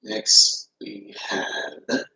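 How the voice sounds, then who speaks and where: A man's voice: low-pitched, huge pitch swings, drawn-out words, vocal fry, sharp tone. A man in an old video, hesitantly listing his favorite songs with many fillers. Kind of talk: casual music review. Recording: echoey room.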